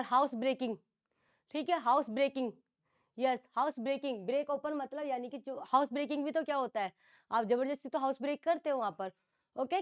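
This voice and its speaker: Woman teacher, high voice, online class, explains each term twice in two languages. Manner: explains phrasal verbs, calls on students by name, repeats words in English and Hindi. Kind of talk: online exam-prep class.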